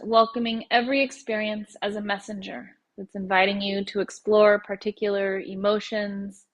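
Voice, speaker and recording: Guiding a meditation, a woman who teaches yoga nidra uses a medium-pitched, evenly intoned voice. Her phrasing is slow, with soft pauses separating each instruction.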